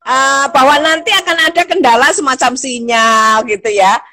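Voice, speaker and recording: A woman's voice: high voice, normal speed, bright, forceful tone. A middle-aged woman, a lecturer hosting a casual live-stream chat, encouraging and chatty, with frequent fillers and small laughs.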